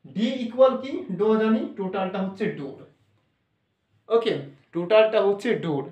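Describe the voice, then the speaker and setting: A man's voice: sits high, fairly quick, a little mellow, far from the mic, highs cut off. A man teaching a phonics lesson who keeps repeating his points and checking in with "okay". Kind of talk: spoken English phonics lesson. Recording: roomy echo, voice off-mic.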